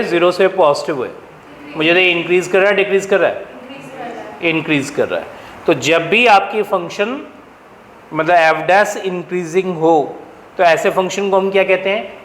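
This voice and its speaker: A man's voice: fairly high pitch, a bit bright, echoey room, long reverb tail, slight background noise, poor audio. A man teaching a math class, firing questions at his students and answering them himself, with an Indian accent. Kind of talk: classroom lecture.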